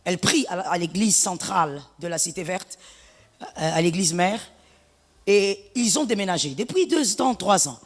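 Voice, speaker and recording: A woman pastor delivering an animated sermon, her preaching rising to shouts. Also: fairly low pitch, normal speed, long reverb tail.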